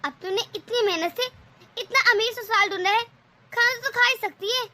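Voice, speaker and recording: A woman's voice: very high-pitched, normal speed, bright, forceful tone. A woman voicing a domineering, scheming middle-aged mother-in-law in a cartoon, scolding and sarcastic. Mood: mocking. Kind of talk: animated cartoon voice acting.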